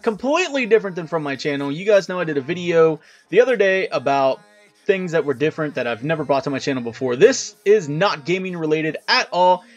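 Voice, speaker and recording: A man hosting a casual video interview, chatting informally and wordily with some swearing. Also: sits high. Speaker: host of a video channel.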